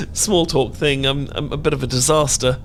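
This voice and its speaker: This intimate audio romance features a man playing a flustered, bookish Briton whose nerves make him stumble over words, loop back, and ramble. Recorded with a faint hiss, his ordinary-pitched male voice moves at a moderate pace and stays close to how he'd normally talk.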